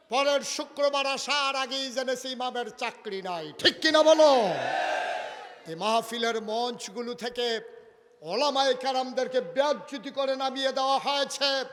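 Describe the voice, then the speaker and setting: A man preaches at an open-air gathering, and his high, bright, tense voice rolls out slowly. He swings from a hushed storytelling tone to shouted calls at the crowd. A long reverb from the loudspeakers trails each phrase. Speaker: Islamic preacher. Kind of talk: sermon.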